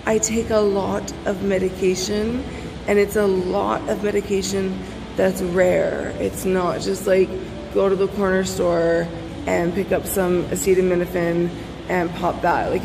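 A woman's voice: lowish voice, gravelly. A woman in her thirties chatting casually to a handheld phone at an indoor pool. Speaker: vlogger. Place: large echoey indoor hotel pool. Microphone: handheld phone at arm's length. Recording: echoey pool hall, loud ambient noise. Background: background music and pool ambience.

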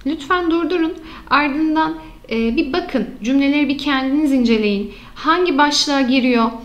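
A woman teacher with a high voice walks her students through example sentences in an online lesson. She poses questions to the class and answers them herself, drawing out the key terms slowly so they stick. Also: muffled recording. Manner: slows and stresses key terms.

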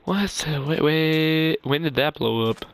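A man commentating his own gameplay, blurting excitable reactions and jokes at what happens on screen. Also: mid-range voice, measured pace, a little hiss or hum. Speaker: gaming commentator. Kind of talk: let's play commentary.

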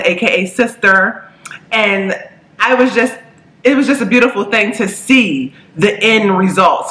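Upbeat finance vlogger, woman, bright voice, slangy and chatty, roomy echo. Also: mid-range voice. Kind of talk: casual chat to camera.

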